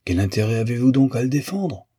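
A man's voice: fairly low pitch, normal speed, dark tone, breathy edge. A man voicing an angry, bitter adult male painter who hurls contemptuous outbursts. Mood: scornful.

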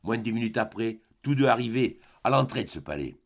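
A man reads a novel aloud as a measured, dramatic narration. His voice has a strong gravelly fry at a mid pitch. The pacing is steady and deliberate. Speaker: audiobook narrator.

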